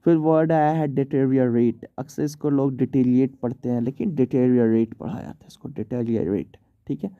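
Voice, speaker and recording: A man's voice: mid-range voice, fairly quick, hardly any pauses, no room sound, phone-quality sound. A man teaching English vocabulary in Hindi in a casual, chatty way, often checking in with "theek hai".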